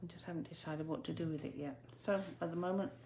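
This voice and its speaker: A woman's voice: deep voice, steady tone, fast talker, a little mellow, slight background noise. A woman chatting her way through a card-making tutorial, self-deprecating and muttering to herself as she works. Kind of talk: casual crafting tutorial.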